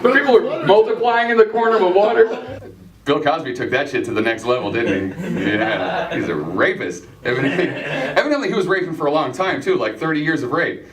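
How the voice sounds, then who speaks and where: A man doing a loose stand-up set, rambling and laughing at his own jokes. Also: sits high. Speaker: stand-up comedian. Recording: echoey bar room from far off with crowd.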